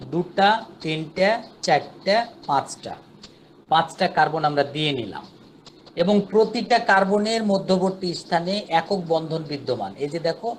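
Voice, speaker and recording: A male chemistry teacher gives an online lecture in a high voice. He is patient and repeats himself, counting items out one by one. A faint ambient hum sits behind him. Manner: patient, repetitive, counts steps aloud.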